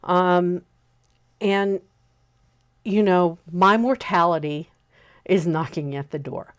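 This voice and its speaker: A woman in her fifties hosting a relaxed spoken lesson, unhurried and often pausing to check in with an "okay?". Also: lowish voice. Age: 50s. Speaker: host teaching on pagan practice.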